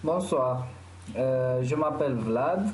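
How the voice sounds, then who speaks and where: A man with a Romanian accent, a doctoral student introducing himself haltingly with constant filler sounds. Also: mid-range voice, darkish tone, reverberant, slight background noise. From Bucharest, Romania. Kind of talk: self-introduction.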